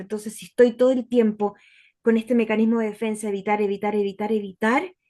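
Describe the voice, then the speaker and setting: As a guest in a casual conversation, a woman with a slightly high, mellow voice reflects aloud, sometimes stopping to search for the right words.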